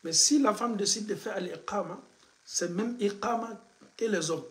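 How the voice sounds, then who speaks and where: A man, an imam teaching the call to prayer and drilling its pronunciation through slow repetition. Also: sits high. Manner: switches between French and Bambara, drills pronunciation by slow repetition. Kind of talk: religious lesson.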